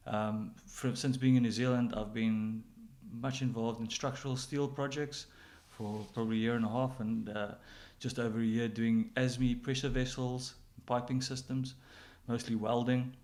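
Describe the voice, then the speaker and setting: South African man, medium-pitched, chatting casually. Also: little pitch movement, moderate pace, hardly any pauses, a little mellow. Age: middle-aged. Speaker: general manager interviewee. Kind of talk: casual interview answers.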